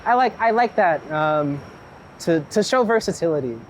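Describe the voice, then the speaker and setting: Walking along a busy city street, a street photographer chats casually with an interviewer, reflective and rambling, often abandoning one thought midway for another. His voice is fairly high, expressive, and at normal speed, with light urban noise and passing traffic behind him.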